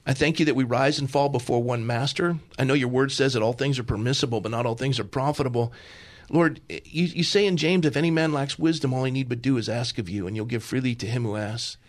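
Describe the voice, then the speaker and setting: This middle-aged man hosts a talk radio program, and his delivery is fervent and pastoral, with frequent repetition in rapid bursts. He speaks at a medium pitch.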